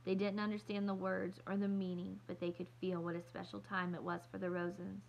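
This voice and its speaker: Gravelly-voiced woman teacher reading aloud. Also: mid-range voice, level tone, fairly quick, darkish tone, muffled recording, slight background noise. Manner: stops to explain words and ask for predictions. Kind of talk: reading a novel aloud to students.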